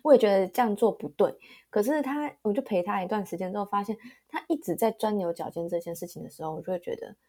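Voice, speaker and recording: A young woman, co-hosting a casual podcast and telling stories calmly, laughing easily. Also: medium pitch, quick pace, hardly any pauses. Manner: calm, laughs easily, storytelling. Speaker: podcast co-host. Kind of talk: casual chat.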